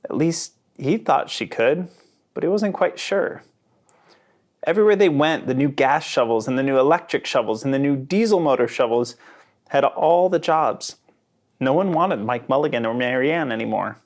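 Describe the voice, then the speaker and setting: A man reads a children's picture book aloud, telling the story expressively. His voice sits in the mid range and moves at a moderate pace.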